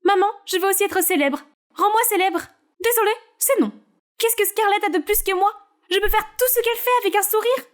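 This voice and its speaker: An eager younger sister who wants fame, bubbly and pushy, voiced by a woman. Her voice is high, with a cartoonish animated-story lilt. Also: brisk. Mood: pleading.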